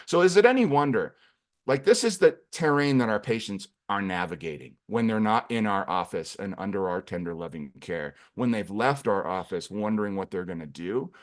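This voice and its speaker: A man presenting a clinical webinar lecture in an animated, playful way, acting out voices. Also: on the low side, normal speed.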